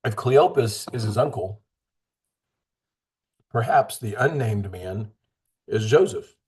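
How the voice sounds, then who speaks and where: A man's voice: lowish voice, lively intonation, slow pace, a little mellow, breathy edge. A man teaching a casual Bible study in an earnest, conversational way, acting out the voices he quotes.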